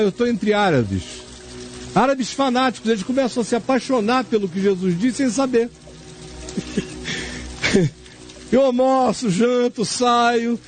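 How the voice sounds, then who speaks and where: A man's voice: very high-pitched, darkish tone. A man, a pastor answering a viewer's question in an emphatic, preaching way, acting out little dialogues as he goes. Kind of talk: spoken sermon-like answer.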